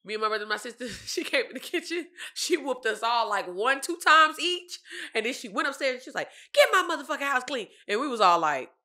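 A podcast co-host tells blunt, slangy stories in casual chat, laughing often as an animated storyteller. Her voice is fairly high and her pace quick.

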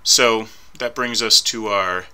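A man lectures over slides in a casual, conversational way, pausing on fillers and fixing his own slips. His voice sits very low but has a crisp, forceful brightness. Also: fairly even intonation. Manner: informal, thinking aloud with fillers and self-corrections. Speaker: instructor.

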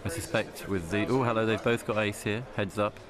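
A man giving calm, analytical commentary on live poker. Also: fairly low pitch, brisk. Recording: crowd noise in the venue. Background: crowd noise.

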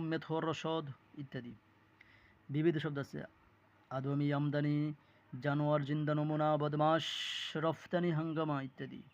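A man's voice: fairly high pitch, a little mellow, lo-fi sound. A man teaching an exam-prep lesson, reading lists of words aloud with small self-corrections. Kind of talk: reading and explaining a word list for exam study.

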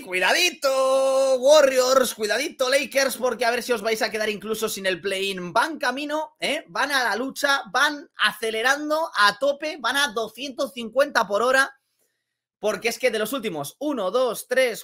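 A basketball vlogger with a Spain Spanish accent and a high-pitched voice gives casual commentary on the game. He's energetic and exclamatory, repeating phrases for emphasis.

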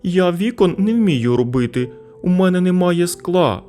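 A man's voice: high voice, animated, a little slow, mellow, faint music behind, voice pushed up. A man voicing a seven-year-old girl complaining in a children's story. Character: small girl of seven, hurt and petulant. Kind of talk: storybook narration.

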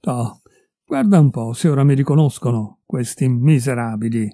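A man's voice: medium pitch, normal speed, warm tone, no echo, lightly acted. A man voicing a bitter, wronged middle-aged husband who accuses his wife in a raised, heated voice, in a dry, close recording. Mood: furious, accusing.

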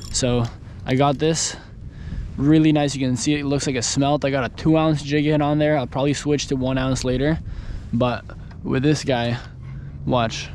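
Out at sea on a kayak, a young fishing vlogger explains his setup in a relaxed, instructive way while handling his gear. The casual outdoor talk is captured on a mounted action camera, his medium-pitched voice at normal speed with a little hiss or hum.

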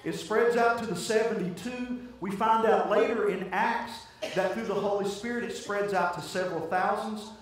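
A man's voice: sits high, steady tone, moderate pace, hardly any pauses, slight background noise. A male pastor delivering a sermon in an earnest, conversational way, repeating words for emphasis. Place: church sanctuary. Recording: very echoey church, heard from a distance.

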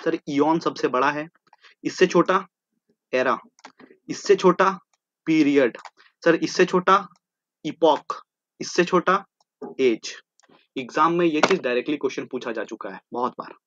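Male tutor, exam-prep lecture, asks and answers himself, slightly high-pitched, dull lo-fi recording. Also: measured pace, pauses often, a bit bright, slight background noise. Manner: repetitive, drilling terms, asking and answering his own questions. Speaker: teacher. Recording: dull lo-fi sound.

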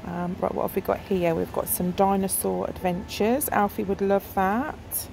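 This middle-aged woman has a mid-range, darkish voice with vocal fry, speaking in a steady tone at a moderate pace. As a shopping vlogger, she films discount-shop aisles on her handheld phone, chatting casually and thinking aloud with frequent ums. The large shop around her is noisy.

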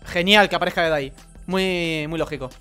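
Fast-talking Spanish-accented gamer man. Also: fairly high pitch, pushed and bright, clear, resonant tone, soft background music. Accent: Spain Spanish. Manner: quick, jokey, reads game text aloud, mutters curses. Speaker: gaming YouTuber. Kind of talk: let's play commentary.

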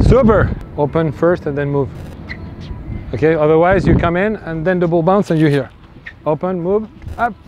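A man coaching a tennis player on court, giving short instructions and quick bursts of encouragement. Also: fairly high pitch. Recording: dull lo-fi sound, faint outdoor noise.

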